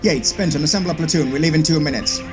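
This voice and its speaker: Man playing a clipped high-voiced British brigadier. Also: fast talker, over music, natural voice. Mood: brisk, commanding. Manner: clipped, authoritative. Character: crisp, commanding British military brigadier. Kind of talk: audio drama acting.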